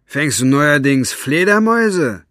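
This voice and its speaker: A man doing a cold, slow-talking gang boss. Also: medium pitch, expressive, no echo, studio quality, lightly acted. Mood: impatient. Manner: slow, quiet menace.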